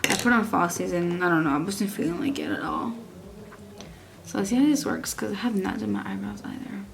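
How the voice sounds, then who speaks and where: This young woman from Texas, a beauty vlogger, rambles casually through a makeup review with frequent "likes" and restarts. Her medium-pitched voice is creaky and fairly quick.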